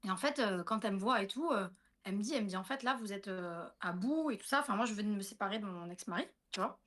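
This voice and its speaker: A woman's voice: mid-range voice, expressive, fast talker, a bit bright. A woman in her thirties, a guest telling a personal story in a casual livestream chat, full of fillers and restarts, often speaking directly to her listener.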